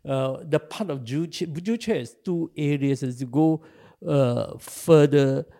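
An older Singaporean activist, speaking Singaporean-accented English in a fairly high, mellow voice, answers interview questions slowly and haltingly, with many filler pauses.

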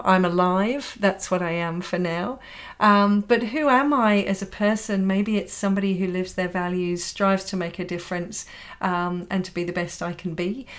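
A woman podcast host speaks in a reflective solo monologue at a middling pitch. She thinks aloud as she goes, often posing questions directly to the listener.

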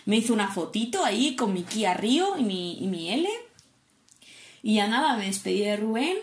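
A young woman with a Spanish accent from Spain, telling a story to her vlog audience in a lively, casual way, acting out quotes and swearing freely. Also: medium pitch, normal speed. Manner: animated, swears often, acts out quotes. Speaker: vlogger. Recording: echoey room.

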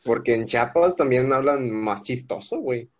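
A man's voice: mid-range voice, animated, moderate pace. A man chatting casually in slangy, profane banter. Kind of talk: casual chat.

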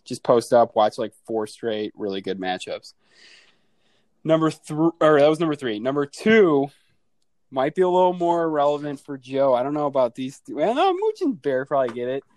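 A man's voice: mid-range voice, very animated, moderate pace, darkish tone, no room sound. Laughing, swearing man in his thirties. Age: 30s. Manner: laughs often, swears, acts out family scenes. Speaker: podcast host. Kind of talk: casual chat.

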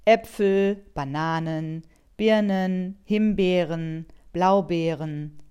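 A woman's voice: on the low side, very slow, warm tone, smooth. A woman reading as a chatty, easygoing fruit seller. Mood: friendly. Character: friendly middle-aged male fruit seller.

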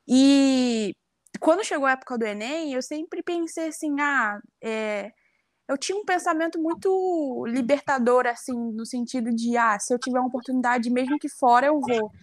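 High-voiced young Carioca woman. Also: normal speed, no echo, studio quality. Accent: Carioca Brazilian Portuguese. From Rio de Janeiro, Brazil. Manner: chatty, reflective, frequent tag questions. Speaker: guest. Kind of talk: casual interview conversation.

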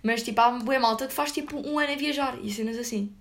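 A young woman from Portugal chats straight to her viewers in a brisk, slang-heavy flow, stringing her thoughts together with fillers. Her voice sits a little high and she talks quickly. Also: a bit bright. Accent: European Portuguese. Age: young adult. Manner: slangy, chatty, full of fillers. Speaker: vlogger. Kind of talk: casual storytelling to viewers.

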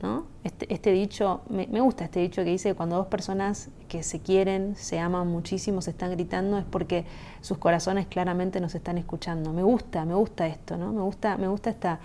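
Woman podcast host, Rioplatense accent, mellow tone, reflective conversational monologue, keeps checking in with the listener. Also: fairly low pitch, fairly even intonation, moderate pace, slight background noise. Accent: Rioplatense Spanish. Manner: conversational, asks "¿se entiende?" often. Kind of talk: reflective self-help monologue.

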